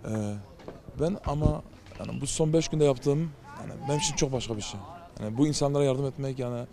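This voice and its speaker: A man giving an earnest street interview outdoors as a charity volunteer, speaking haltingly with pauses and restarts. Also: mid-range voice, gravelly.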